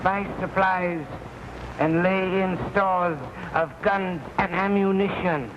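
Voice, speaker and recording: An actor playing a scheming, courtly male villain boss, speaking in a formal, slow and deliberate way, heard on a noisy, dull 1950s TV broadcast recording. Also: high-pitched, steady tone. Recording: hissy, muffled old TV soundtrack.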